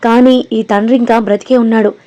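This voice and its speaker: Woman reading a grieving gentle father. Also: a little high, steady tone, fairly quick, natural voice. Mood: anxious.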